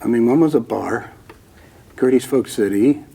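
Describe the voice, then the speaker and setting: An older man hosting a casual interview, reminiscing in an animated way with lots of "I mean". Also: medium pitch, moderate pace, a little hiss or hum. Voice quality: gravelly, husky. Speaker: host.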